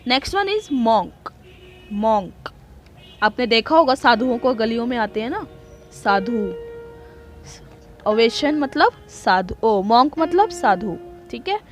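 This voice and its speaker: A woman's voice: fairly high pitch, big pitch swings, measured pace, long pauses, faint music behind. A woman with an Indian accent teaching English word meanings, spelling words out sound by sound in a patient, chatty way. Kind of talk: casual spoken lesson.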